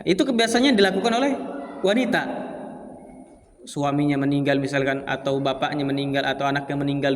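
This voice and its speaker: A man with a high voice gives a relaxed religious lesson, asking his listeners questions and answering them himself. He reads short Arabic phrases and explains them plainly. His voice carries a long reverb from a large mosque hall. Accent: Indonesian, Palembang. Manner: asks the audience rhetorical questions and answers them; explains Arabic text phrase by phrase in casual Indonesian. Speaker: ustadz teaching a mosque study circle. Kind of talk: Islamic study lecture.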